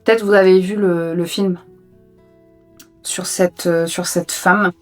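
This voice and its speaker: A woman's voice: lowish voice, steady tone, slow, faint music behind. A young woman chatting casually to her viewers while she sorts books in her room at home, joking about herself as she goes. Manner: chatty, self-mocking, talks to viewers while sorting books. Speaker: booktuber tidying her reading room. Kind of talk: casual vlog chat while tidying.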